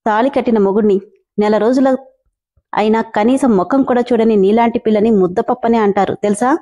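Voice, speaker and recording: A woman's voice: a little high, steady tone, fairly quick, mellow, dull audio, lightly acted. A woman voicing a cold, arrogant young husband who scolds curtly in a story reading. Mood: stern. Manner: curt and scolding.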